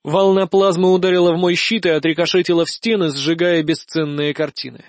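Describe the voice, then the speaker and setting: A man narrating a first-person audiobook in a lively, ironic storytelling manner. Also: a little high, a little fast, no room sound, clean studio sound.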